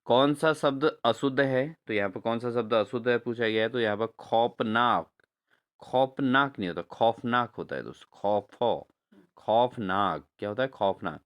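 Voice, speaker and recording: A man teaching a spelling lesson for exams, repeating each answer back to his viewers and spelling words out slowly syllable by syllable. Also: mid-range voice, a bit bright. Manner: repeats answers as questions to viewers, addresses them as friends. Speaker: exam-prep teacher. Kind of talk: spelling lesson for exam prep.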